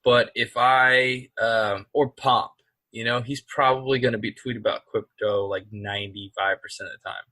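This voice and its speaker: A man's voice: mid-range voice, steady tone, normal speed, bright, forceful tone, no room sound. A man co-hosting a podcast, chatting casually and rambling with frequent restarts and fillers. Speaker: podcast co-host. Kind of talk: casual chat.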